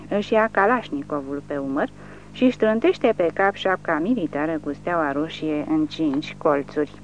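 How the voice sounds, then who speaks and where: An audiobook narrator reading a novel aloud in steady scripted narration. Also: mid-range voice, highs cut off, slight background noise.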